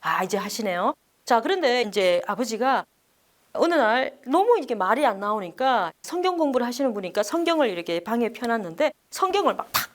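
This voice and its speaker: Nun lady telling a bible class story, lively, asks the room stuff, does all the voices. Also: fairly high pitch. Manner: animated, acts out the people in her story; asks the audience questions.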